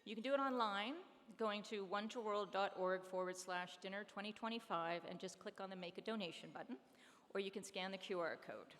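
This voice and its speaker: A woman hosting a fundraising dinner, briskly calling auction bids and coaxing donations in an upbeat, persuasive way. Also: medium pitch, a bit bright. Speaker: charity auctioneer and fundraiser host. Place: large hall at an awards dinner. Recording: long reverb hall, faint room noise.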